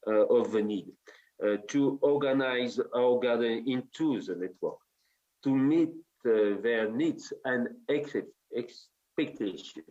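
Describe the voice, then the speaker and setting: A French man speaking English with a French accent, giving a halting conference presentation full of hesitations. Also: mid-range voice, a little mellow. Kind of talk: formal conference talk. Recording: dull lo-fi audio.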